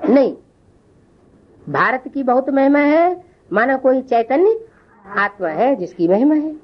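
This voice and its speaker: A woman teaching a religious scripture lesson, often pausing to question and tease her listeners. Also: high-pitched, very animated, dull audio. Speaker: spiritual class teacher.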